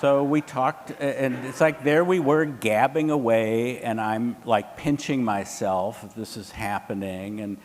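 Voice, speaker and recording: A man with a mid-range voice tells a story slowly and with few pauses as a panelist at a live hotel event. He animatedly mimics the people he quotes in lively voices. There's a long reverb tail and slight background noise.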